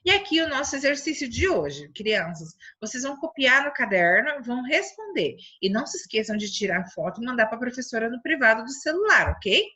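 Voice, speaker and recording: Bright, husky Brazilian teacher talking slowly to kids. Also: female voice, on the high side. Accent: Brazilian Portuguese. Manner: slow, syllable-stretching teacherly delivery. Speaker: primary school teacher. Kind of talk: remote lesson for children.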